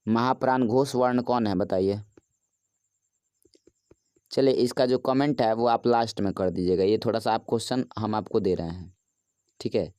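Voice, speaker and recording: A man's voice: fairly low pitch, dark tone, clean tone, no echo, clean studio sound. A man, a teacher talking through a quiz lesson in a casual, chatty way and asking viewers for likes.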